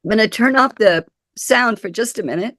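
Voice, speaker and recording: A woman with a croaky, nasal voice from a cold, giving a webinar talk as a guest speaker over a video call, apologetic and clearing her throat. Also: on the high side, animated, fairly quick, a bit bright, no echo, clean studio sound. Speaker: guest speaker, community consultant.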